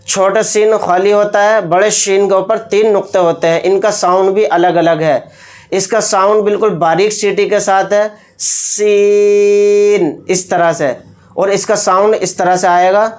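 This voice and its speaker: A Quran reading teacher giving a beginner alphabet lesson, stretching out each letter name slowly and clearly, then explaining it in a calm, patient way. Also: medium pitch.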